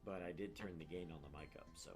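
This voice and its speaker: Reading visual novel text aloud, a gaming channel host jokes around and swears casually. He speaks fast in a deep voice with a darkish tone. The recording comes from a home room without soundproofing, using a shared open mic that catches room noise over background music.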